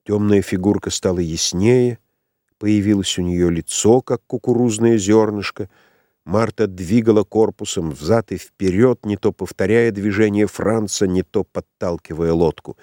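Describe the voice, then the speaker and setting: A man narrating a literary novel as an audiobook in a measured, unhurried manner. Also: fairly low pitch, mellow, dry recording. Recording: dry close studio sound.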